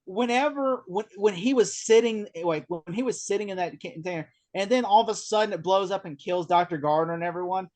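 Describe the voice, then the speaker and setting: A man co-hosting a casual TV recap chat, animated and acting out characters' lines as he talks. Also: sits high, brisk, few pauses. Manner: animated, acts out characters in quotes. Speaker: podcast co-host.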